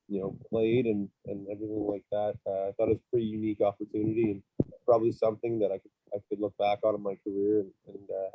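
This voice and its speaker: A man's voice: lowish voice, muffled recording. A man who plays professional hockey, answering interview questions in a casual, rambling, laid-back way. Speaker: professional ice hockey player being interviewed.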